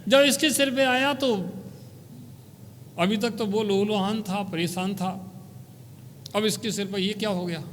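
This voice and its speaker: A monk giving a sermon, telling a parable and asking the listeners questions along the way. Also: male voice, high-pitched, steady tone, unhurried, pauses often, long reverb tail, a little hiss or hum. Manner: storytelling, asks the audience questions.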